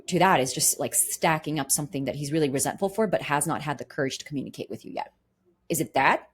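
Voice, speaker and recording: A woman with a low, deep-set voice coaches her listeners on communication. She talks earnestly and works through everyday examples. She often asks the audience questions as she goes. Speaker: podcast host and communication coach. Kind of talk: solo podcast monologue.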